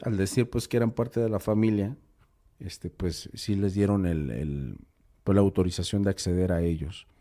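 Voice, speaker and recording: A man telling a strange story in a casual, unhurried way, pausing with fillers and restarting words. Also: sits low, dark tone.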